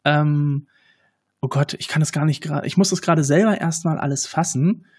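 A man hosts a podcast interview. His voice sits fairly high and sounds husky, and he responds with open enthusiasm while he works through his guest's ideas aloud. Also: normal speed, darkish tone. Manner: enthusiastic, thinks aloud with fillers.

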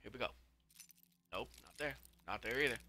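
A man's voice: medium pitch, lively intonation, normal speed, very noisy. A man casually commenting while playing a video game, chatting to the characters on screen and breaking into sudden yelps and whispers. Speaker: let's play gamer.

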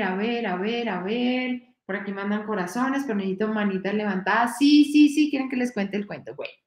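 A woman giving a live-streamed motivational talk, animated and addressing her audience directly, with stories. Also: on the high side, roomy sound. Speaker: motivational speaker.

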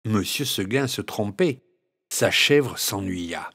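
A man reading a classic children's story aloud, expressive, with dramatic swings in his delivery. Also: on the low side, takes it slowly, breathy edge.

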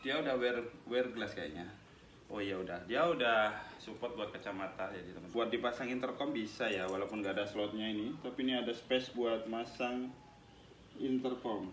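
A young man hosts a casual motovlog helmet review, taking the helmet apart while chatting to viewers he calls "guys." His voice is lowish and fairly bright, at a normal speed. He's indoors in a small room with a tiled wall, recorded from a distant mic in an echoey space with a noisy background.

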